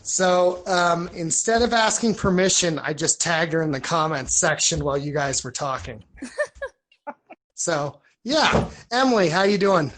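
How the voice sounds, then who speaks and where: A woman's voice: lowish voice, lively intonation, unhurried, low-quality recording. A woman in her thirties co-hosting a casual chat, informal and slangy with a joking streak. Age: 30s. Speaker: podcast co-host.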